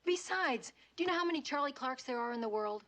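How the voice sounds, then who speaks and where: An actress playing a teasing, affectionate young wife in a 1970s TV crime drama. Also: female voice, high-pitched, lively intonation, fast, a bit bright, slight background noise.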